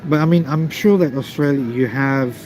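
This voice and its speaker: A man casually chatting to live stream viewers in a halting, repetitive way. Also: on the high side. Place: busy airport waiting area. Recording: noisy airport background ambience.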